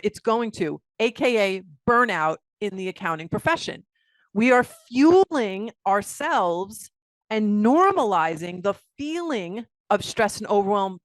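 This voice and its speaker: A woman's voice: medium pitch, no room sound. A middle-aged woman, a guest on a video call interview, who tells stories with energy and acts out the voices of the people she quotes. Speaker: guest, accountant and coach. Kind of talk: interview conversation.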